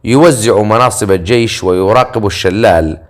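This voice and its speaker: A man voicing an eager, worried young woman who speaks quickly and scolds lightly. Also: on the low side, lightly acted.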